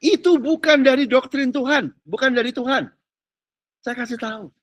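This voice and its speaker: A male pastor preaches in a loose, slangy way, firing off rhetorical questions and dropping in English phrases. His voice sits high for a man. The sound is dry and close, with no room echo. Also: normal speed, fairly bright tone. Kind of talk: sermon.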